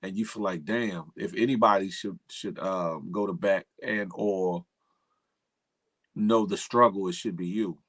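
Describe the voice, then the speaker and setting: Male host, somewhat low voice, informal conversational delivery with repeated phrases. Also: fairly even intonation, measured pace, a bit bright. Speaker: show host. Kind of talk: casual chat.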